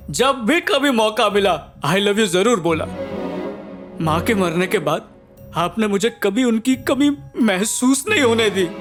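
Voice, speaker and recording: A man's voice: high-pitched, fairly bright tone, exaggerated voice. An actor dubbing a heartbroken young man who pours out his feelings to his father with tears, heard over film music. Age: young adult. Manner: emotional, tearful confession. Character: heartbroken young man, tearful and self-pitying. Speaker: jobless son heartbroken in love. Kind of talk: Hindi film dub acting. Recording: film soundtrack with music under dialogue. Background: film score music.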